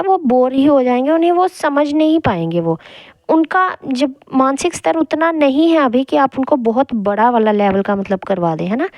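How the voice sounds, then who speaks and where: A young woman teacher giving an exam-prep lesson, reading each point and then re-explaining it in casual mixed Hindi and English, repeating key phrases slowly. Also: fairly high pitch, darkish tone, no echo.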